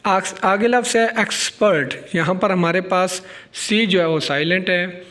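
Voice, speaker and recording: High-voiced Pakistani man teaching. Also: a bit bright. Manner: explains each word step by step, reads out the English lines slowly. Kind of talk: explaining a lesson on a recording.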